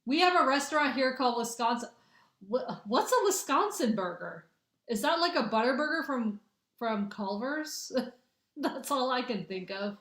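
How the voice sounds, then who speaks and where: Very animated and high-voiced, with a bit of brightness and a moderate pace, a young American Midwestern woman runs a casual spiritual-reading livestream. She rambles with frequent restarts, and her phone or webcam picks up an echoey room.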